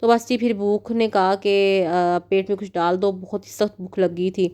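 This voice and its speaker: A woman's voice: medium pitch, level tone, normal speed, dark tone. A woman in her thirties from Pakistan, a mother narrating her home routine in a chatty vlog voice-over with many fillers. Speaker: vlogger, mother.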